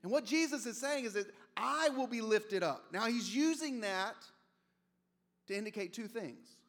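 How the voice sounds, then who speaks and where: A man's voice: high voice, lively intonation, moderate pace, fairly bright tone. A man preaching a sermon as pastor, conversational and storytelling, with casual asides. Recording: long reverb of a large hall.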